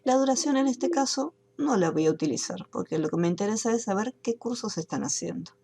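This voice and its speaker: A woman teaching an online class, explaining software steps patiently one by one. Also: fairly high pitch, expressive, fairly quick, slightly rough. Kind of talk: screen-recorded software tutorial.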